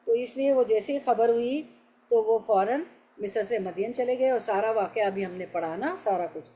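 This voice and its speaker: A woman's voice: a little high, dark tone, slight background noise. A middle-aged woman teaching a religious lesson, patiently explaining verses step by step and checking in with her class. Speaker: Quran teacher.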